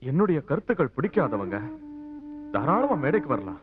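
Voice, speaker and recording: Earnest raspy village leader; thin, tinny film sound. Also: male voice, fairly high pitch, sing-song, normal speed, over music. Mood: rallying. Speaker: village leader campaigning for an election. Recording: tinny phone-like film audio.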